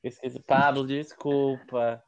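A man's voice: mid-range voice, flat delivery, a little slow, a little mellow, clear, resonant tone, muffled recording. Homem brasileiro espalhafatoso, jeito de drag queen. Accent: Brazilian. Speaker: podcast co-host. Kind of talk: casual comedic banter.

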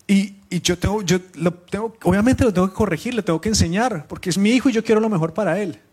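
Fairly high-voiced man preaching conversationally. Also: fast talker, darkish tone, husky. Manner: conversational, asks the room direct questions; teasing asides with the audience. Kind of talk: live sermon to a congregation.

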